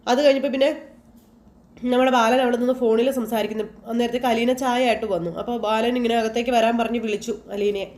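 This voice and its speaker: A woman's voice: on the high side, fairly even intonation, fast talker, a little mellow. A woman casually retelling a TV serial episode in a chatty way, reading the characters' quarrels inline as she goes. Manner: chatty, tags lines with "you know". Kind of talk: casual storytelling recap.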